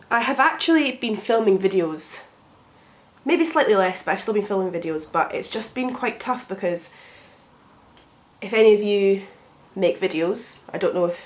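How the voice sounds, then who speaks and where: A young adult beauty vlogger with a cold sounds sniffly as she does her makeup at home for a get ready with me vlog. She rambles with frequent ums and pauses often. Her voice is mid-range at normal speed.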